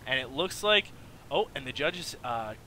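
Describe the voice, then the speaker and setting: A man casting a strategy game match with excitable play-by-play, full of fillers and sudden loud high exclamations. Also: moderate pace, slight background noise. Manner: filler-heavy, restarts sentences. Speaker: game caster. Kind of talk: esports play-by-play commentary.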